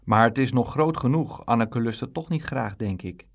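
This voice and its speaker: A man voicing a greedy, hot-tempered twelve-year-old boy who talks eagerly and flares up quickly. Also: mid-range voice, expressive, creaky.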